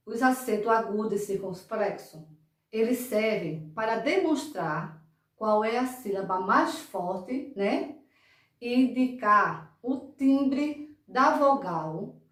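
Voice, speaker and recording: A Brazilian woman teaching a grammar lesson to small children, speaking very slowly and patiently. She repeats each point and checks in with the class as she goes. Her voice sits back from the microphone in a strongly echoing room. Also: medium pitch, far from the mic. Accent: Brazilian Portuguese. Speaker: primary school teacher. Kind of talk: slow, deliberate remote grammar lesson for young children. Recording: echoey room, voice off-mic.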